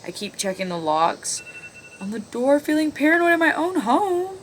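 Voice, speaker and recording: A woman hosts a casual video, reading online stories aloud and breaking in with blunt, sarcastic, profane commentary. Her high-pitched voice is sing-song at a normal speed. Background noise is clearly audible.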